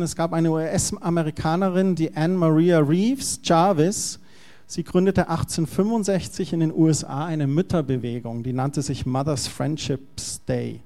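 Gravelly, mellow-voiced male pastor. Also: a little high. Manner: conversational, explanatory preaching. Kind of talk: sermon.

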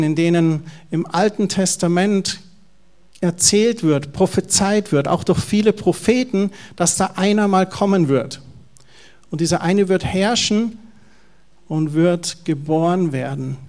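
A middle-aged male pastor with a Bavarian German accent, preaching a sermon and asking the congregation questions. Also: sits high. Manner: lively storytelling, asks the congregation questions.

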